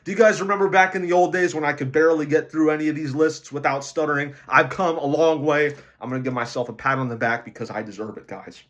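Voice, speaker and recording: A young man with a slightly high voice chats through his daily weight-loss vlog. He talks casually and rattles off calories and protein in quick lists. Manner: chatty, rattles off food numbers quickly. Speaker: vlogger tracking diet and weight loss.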